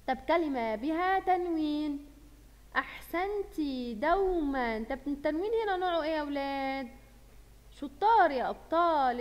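A woman with an Egyptian Arabic accent teaching a primary school lesson, asking questions and praising the pupils. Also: high voice. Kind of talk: recorded lesson for young children. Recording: long reverb from a hall-like room.

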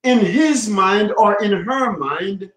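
A high-voiced man coaching on relationships, talking slowly and leaning hard on each point. He repeats his key phrases for weight. The sound bounces around an echoey room. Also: fairly bright tone. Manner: emphatic, repeats key phrases with slow drawn-out stress. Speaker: marriage coach. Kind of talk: advice talk to camera.

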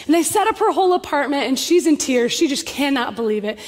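A woman pastor with a high, bright voice tells a story from the pulpit with animated energy. Her voice rings out through a large church hall, and a long reverb trails each phrase. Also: fast. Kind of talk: sermon.

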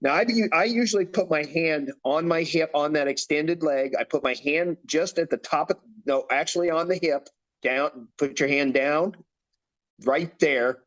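On dull-sounding audio, a man with a fairly high, slightly bright voice guides a bodybuilder through posing routines at a moderate pace. He demonstrates and instructs, issuing directions and going over his cues again and again.

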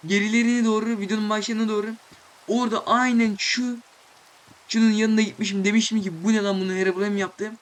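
A young man with a notably high voice talks over his gameplay, getting more and more exasperated as he grumbles and swears casually. He keeps chatting to the animals in the game, and a soft patter of rain runs behind him. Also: level tone, quick pace. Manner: swears casually, exclaims loudly. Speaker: gaming channel host. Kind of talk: Minecraft let's play commentary.

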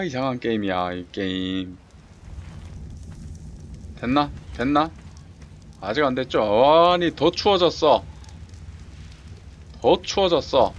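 A game streamer with a medium-pitched voice gives casual running commentary while playing a survival game, muttering to himself, cheering on the creatures and letting out excited exclamations. The audio is dull, and the game's sounds come through clearly behind him.

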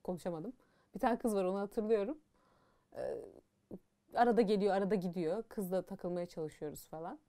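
A woman's voice: mid-range voice, moderate pace, long pauses, warm tone. A young woman giving a casual, frank and opinionated book review, talking animatedly with lots of fillers.

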